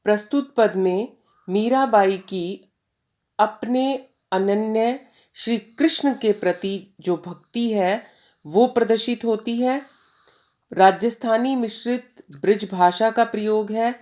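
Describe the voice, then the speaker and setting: A woman teacher giving a lecture on Hindi devotional poetry, reciting each verse slowly and then explaining it line by line. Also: a little high, mellow.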